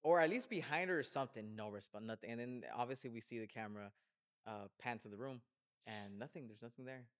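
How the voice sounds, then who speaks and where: A man in a casual chat, excitedly recapping a horror film scene by scene, swearing often and acting out the characters' lines. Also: medium pitch, quick pace. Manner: excitable, profane, acts out scenes. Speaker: film discussion podcast co-host.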